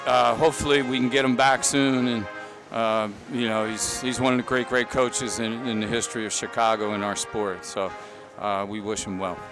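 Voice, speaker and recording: A middle-aged male head coach answers postgame questions, pausing often and leaning on fillers. Loud music plays behind him the whole time. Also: medium pitch, flat delivery, poor audio. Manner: halting, with frequent "uh" and "you know". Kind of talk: postgame interview.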